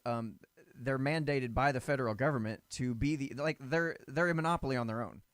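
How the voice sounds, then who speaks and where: A man hosting a casual debate, pressing questions in a halting way and repeating his words. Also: medium pitch, fairly bright tone, no echo. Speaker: host.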